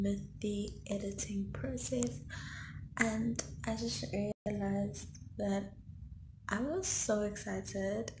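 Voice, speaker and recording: A young woman from South Africa talks slowly and gushes with giggles. She is a vlogger, and she sits a little way from the microphone in an echoey room. Steady noise hums behind her voice. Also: mid-range voice. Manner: gushing, giggly, fillers like "um" and "like". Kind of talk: excited unboxing vlog. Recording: echoey room, far from mic, clear background noise.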